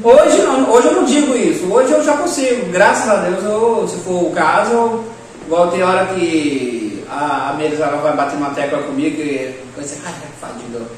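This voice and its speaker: High-voiced man teaching in an echoey room. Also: normal speed. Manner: animated, acts out quoted dialogue. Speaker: church leadership teacher. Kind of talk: casual classroom lesson with discussion. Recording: echoey room, distant mic, faint noise.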